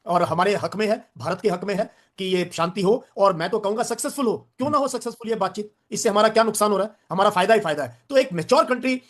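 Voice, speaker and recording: A man's voice: high-pitched, fast, few pauses, fairly bright tone. An older man, a retired veteran, giving emphatic, lecturing interview answers and repeating phrases for stress. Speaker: retired veteran diplomat guest.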